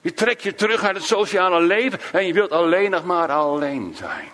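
A man preaching a sermon, emotive, swinging between raised emphasis and hushed, low phrases. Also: animated. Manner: slow, drawn-out delivery of quoted cries.

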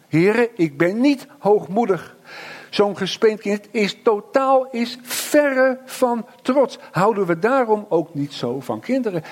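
A middle-aged man delivers a reflective sermon in a high-sitting voice, using slow, emphatic pauses and plenty of tag questions.

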